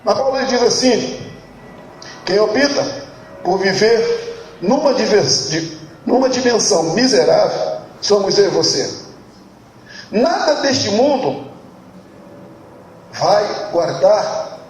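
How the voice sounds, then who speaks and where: A man's voice: sits high, slow, long pauses, slight background noise. A man with a Brazilian accent, preaching a sermon as pastor and telling a joke with voices. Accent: Brazilian Portuguese. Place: church hall. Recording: very echoey church hall.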